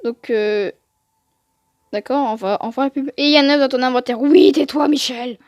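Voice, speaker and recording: A woman with a high-pitched voice chatting through her gameplay, joking and poking fun at herself. She talks close to a desk microphone, and the sound is dry, with no room echo. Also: normal speed, clear, resonant tone. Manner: joking, chatty, self-mocking. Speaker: gaming video host. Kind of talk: casual gameplay commentary.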